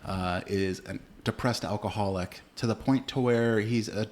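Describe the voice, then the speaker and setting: A man co-hosting a podcast, chatting casually about a movie, relaxed and swearing now and then, with plenty of filler words. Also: fairly low pitch, normal speed. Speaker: podcast co-host. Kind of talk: casual movie review chat.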